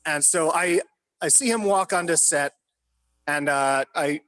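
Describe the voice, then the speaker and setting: A man's voice: a little high, measured pace, sharp tone, dry recording. A man in his thirties from New York City, a guest telling film-set stories in a casual, filler-heavy way and swearing now and then. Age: 30s. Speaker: guest, film industry worker. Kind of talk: casual storytelling interview. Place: his apartment.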